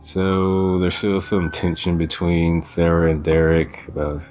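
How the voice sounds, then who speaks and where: A man's voice: low voice, flat delivery, unhurried, a little mellow, slight background noise. A man hosting a podcast in natural, unscripted talk, casually recapping an episode with asides. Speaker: podcast host. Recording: dull lo-fi sound, music behind.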